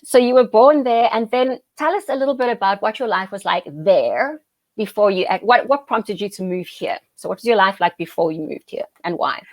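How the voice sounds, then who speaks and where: A woman's voice: medium pitch, expressive, normal speed, a little mellow, dry recording. Gushing woman host. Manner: gushing, enthusiastic, effusive praise. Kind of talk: interview conversation.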